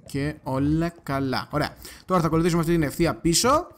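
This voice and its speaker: A man giving casual gameplay commentary, chatty and excitable, talking straight to his viewers and now and then bursting into loud cursing. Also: a little high. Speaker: gaming video creator.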